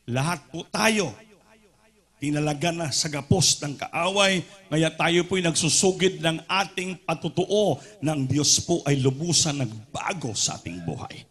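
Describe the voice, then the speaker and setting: High, bright fervent male preacher. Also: animated, unhurried, husky. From Philippines. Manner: fervent call-and-response with the congregation; bursts into shouts at peaks. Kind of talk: sermon mixing Tagalog and English. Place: church service at an overnight prayer meeting.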